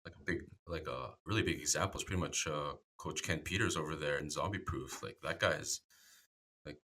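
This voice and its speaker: A man's voice: extremely low pitch, a little fast, bright, forceful tone, a little hiss or hum. A man from Canada hosting a podcast, chatting casually with lots of filler words. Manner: laid-back, heavy on fillers like "like" and "man". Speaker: podcast host. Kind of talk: casual chat.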